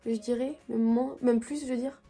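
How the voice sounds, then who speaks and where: Young woman, slightly high voice, rambling slangy makeup chat, camera mic at home, faint music behind. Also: fairly even intonation, moderate pace, warm tone. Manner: chatty, slangy, rambling with many fillers and restarts. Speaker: beauty vlogger. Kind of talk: casual makeup vlog chat.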